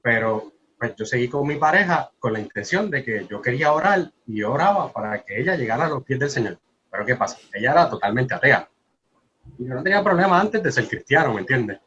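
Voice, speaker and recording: A man, earnestly sharing a personal testimony as a podcast co-host, his voice often trailing off softly. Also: medium pitch, very animated, fairly quick. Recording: slightly muffled with faint background noise.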